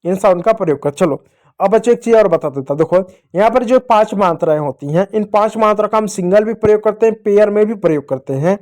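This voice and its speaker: A man's voice: sits high, fast talker, a little mellow. Man teaching children phonics. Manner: patient, repeats questions to the class. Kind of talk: explaining to children.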